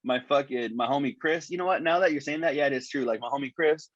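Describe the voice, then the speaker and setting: A man's voice: medium pitch, fast talker, dry recording. A man co-hosting a podcast in casual chat, rambling with lots of cursing and fillers, his voice tinny from an earbud microphone. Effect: tinny sound from earbud microphone. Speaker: podcast co-host. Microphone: wireless earbuds as microphone. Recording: dull lo-fi earbud mic, dry.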